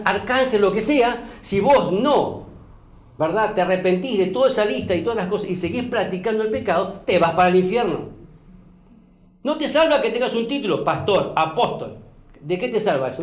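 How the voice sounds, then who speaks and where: A man preaching a sermon as pastor, emphatic, repeating phrases and asking the congregation questions. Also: high-pitched. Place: church hall. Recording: echoey church room.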